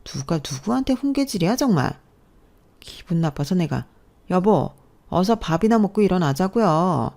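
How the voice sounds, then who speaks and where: A woman's voice: fairly low pitch, lively intonation, moderate pace, gravelly, darkish tone, pitched above the performer's own voice. A woman voicing a snobbish, sneering sister-in-law in a storybook narration, with a mocking, condescending manner.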